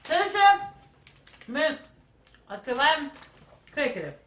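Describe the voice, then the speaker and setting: Playful mom vlogger, lively voice. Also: female voice, sits high, slow. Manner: playful, jokey, animated. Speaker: vlogger, mother. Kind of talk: casual snack-tasting chat. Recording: echoey room, mic at a distance, faint noise.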